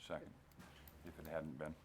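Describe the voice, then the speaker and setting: A man's voice: rumbling low, level tone, moderate pace. A man on a town board asking blunt questions and weighing in during the discussion. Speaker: select board member. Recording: noisy meeting room recording.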